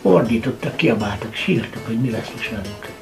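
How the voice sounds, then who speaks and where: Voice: mid-range voice, over music. An older speaker giving a vivid, emotional account as a witness in a documentary interview.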